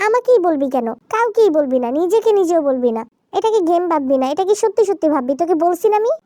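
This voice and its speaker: A woman's voice: very high voice, animated, fast talker, warm tone, no room sound, studio quality, voice pushed up. Woman as a testy young groom, short replies, easily annoyed. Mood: irritated. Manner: curt, snapping. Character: grumpy young husband, short-tempered.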